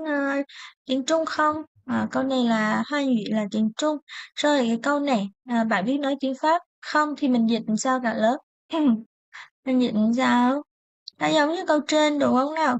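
A young woman teaches an online language lesson, patient and methodical. Her voice sits high with a gravelly edge. The sound is dry and a little dull. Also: no echo. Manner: patient, explains step by step, repeats words slowly.

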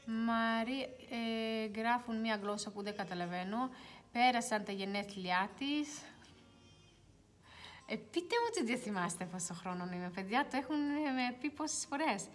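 A young woman hosting a casual makeup livestream, chatting and reading viewer comments aloud, sometimes dropping to quiet mutters. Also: on the high side, faint music behind. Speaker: beauty livestream host. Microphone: phone.

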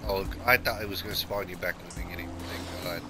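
A man's voice: sits low, fast, over music. A man playing a video game with a friend, teasing him and laughing a lot. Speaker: gamer. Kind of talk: gameplay chat.

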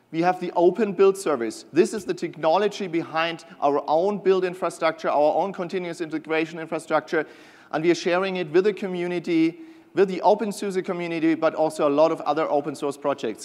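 A middle-aged man giving a conference keynote on a large stage, enthusiastic and a little halting with fillers. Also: a little high. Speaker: keynote presenter, product manager. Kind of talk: conference keynote with scripted banter. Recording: long hall reverb.

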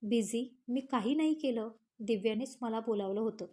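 A woman's voice: fairly high pitch, normal speed, warm tone, close to an everyday voice. A woman reading the part of a playful, sulky young husband who pleads with his wife.

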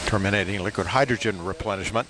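Male launch commentator, lowish voice, measured formal announcing, clear background noise.

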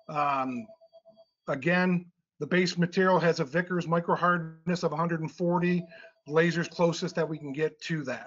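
A middle-aged man presenting technical slides in a webinar, explaining step by step with frequent uh and um fillers. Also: a little high. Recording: slightly dull lo-fi webinar audio.

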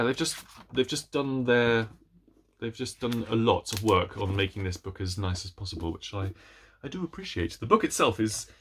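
A book-reviewing vlogger in his thirties talks casually to the camera from a small indoor room lined with bookshelves. His husky voice sits at medium pitch with a fairly bright tone, and he rambles hesitantly, often trailing off mid-sentence.

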